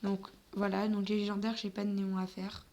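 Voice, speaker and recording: A woman talks her viewers through a game in a loose, casual way, pausing on fillers and often stammering on her words. Her voice sits at an ordinary middle pitch. A faint noise runs under the recording. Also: level tone, a little mellow. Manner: hesitant, many fillers. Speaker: gaming video creator. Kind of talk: casual gameplay commentary.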